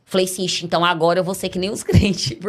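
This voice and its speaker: A middle-aged Brazilian woman with a Brazilian Portuguese accent gives her life story as a podcast guest, telling it casually and acting out the voices of the people involved. Her voice is fairly low, her delivery flat and very fast.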